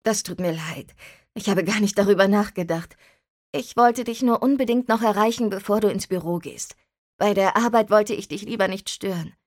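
A woman's voice: medium pitch, normal speed, no echo, clean studio sound, close to an everyday voice. A woman voicing a cheerful, talkative middle-aged mother in an audiobook, fussing and chatty. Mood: apologetic. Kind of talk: audiobook character voice.

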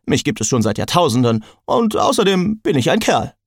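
A man plays a brash talking sword, a male blade thousands of years old, raised in pitch and pushy in tone. He talks cocky and indignant, then snoops around nosily. Dry, close recording. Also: very animated, brisk, vocal fry, slightly rough, dry recording, heavily acted.

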